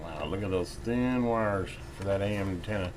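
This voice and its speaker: A man's low, slightly mellow voice comes at a moderate pace as he hosts a casual repair video, thinking aloud during hands-on work. The audio is that of a clearly noisy hobbyist recording.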